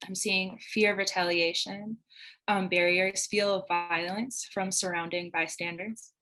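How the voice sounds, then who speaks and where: A woman's voice: medium pitch, steady tone, a little slow, bright, forceful tone, slight background noise, rough recording. Woman, workshop facilitator, earnest, chatty fillers, video call audio. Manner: earnest, heavy use of "like" and "um". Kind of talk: live online training talk.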